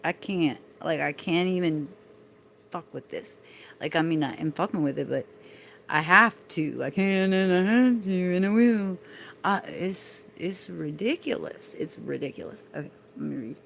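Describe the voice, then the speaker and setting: A woman's voice: on the low side, expressive, a little slow, vocal fry, a little hiss or hum. A woman chatting casually on a livestream, rambling and swearing freely as she talks to her viewers and answers their comments.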